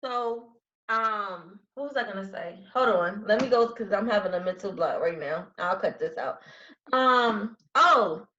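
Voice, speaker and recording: A woman's voice: medium pitch, expressive, unhurried, pushed and bright, highs cut off, a little hiss or hum. A woman hosting a casual podcast chat, talking in a loose, slangy way with joking asides. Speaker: podcast host.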